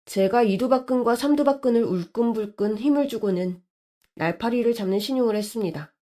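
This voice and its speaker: A woman narrating a scripted story in an expressive, lively way. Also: on the high side, a little fast.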